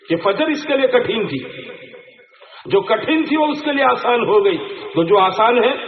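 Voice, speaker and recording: A man's voice: very high-pitched, lively intonation, unhurried. A man preaching an Islamic sermon to a gathering, often putting questions to the listeners. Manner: asks the crowd rhetorical questions. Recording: tinny phone-like sound in an echoey room.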